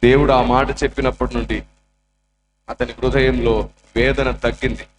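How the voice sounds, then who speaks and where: A man's voice: medium pitch, flat delivery, moderate pace, a little hiss or hum. Male preacher, sermon story, dramatic and emotional, reverberant church hall. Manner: dramatic, emotional, acts out the voices.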